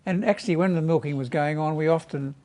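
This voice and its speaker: Elderly man, slightly high voice, measured recollection. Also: dark tone. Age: 80s. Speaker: oral history interviewee. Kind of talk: reminiscing.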